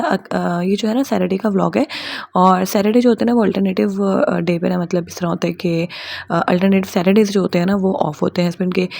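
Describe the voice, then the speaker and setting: A young woman, hoarse from a sore throat, chatting through a home vlog voice-over with many fillers and self-corrections. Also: fairly low pitch, a little mellow, dry recording. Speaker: vlogger. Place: home voice-over, close dry mic.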